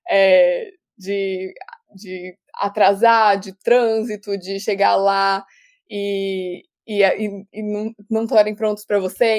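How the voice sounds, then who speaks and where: A young woman from Brazil chats casually as a guest on a remote call. She keeps restarting her sentences and laughs easily as she explains things. Her voice sits at an ordinary middle pitch. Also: a little mellow. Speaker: actor guest. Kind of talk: casual interview chat.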